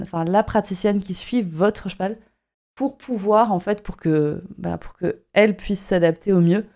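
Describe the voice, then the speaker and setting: A woman's voice: medium pitch, mellow. A woman hosting her own podcast as a horse shiatsu practitioner, chatting casually and often repeating and rephrasing herself. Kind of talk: casual solo podcast talk.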